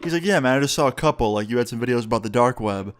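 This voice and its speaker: A young man recounting a personal story in a loose, conversational way. He swears freely and plays out both sides of each exchange, at an ordinary pitch for a man. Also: expressive, rapid-fire. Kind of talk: casual storytime narration.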